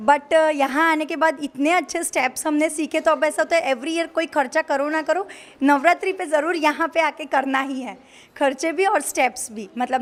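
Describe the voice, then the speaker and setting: A woman from Rajasthan answering interview questions hesitantly, with many pauses and restarts. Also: high voice.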